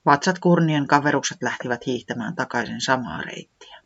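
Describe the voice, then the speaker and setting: A narrator reading a children's storybook aloud in an expressive, sing-song manner. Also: medium pitch, gravelly, breathy edge. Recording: dull lo-fi sound.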